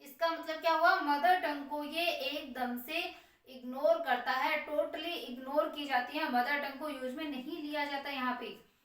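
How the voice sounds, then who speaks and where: A woman lectures her class, posing questions and answering them herself as she writes on the board. Her high-pitched voice is fairly bright, with fairly even intonation and a measured pace. The mic sits far away in a very echoey room.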